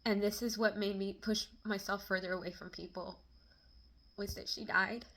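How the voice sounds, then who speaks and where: Bright-voiced woman venting candidly. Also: mid-range voice, fairly even intonation. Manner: candid, emotional, swinging between laughter and near tears; swears casually, quick bursts of exasperation. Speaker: vlogger. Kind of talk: personal confessional talk to camera.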